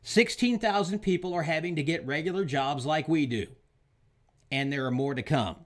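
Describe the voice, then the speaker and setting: A man's voice: on the high side, normal speed. A man from Oklahoma, hosting a show and delivering an opinionated political monologue with emphatic, repeated lines. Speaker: show host.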